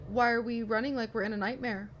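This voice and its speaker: A woman's voice: fairly high pitch, steady tone, fast, noisy background. A young woman streaming a game live, reacting with bewildered questions and talking to her chat. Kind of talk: live gameplay commentary.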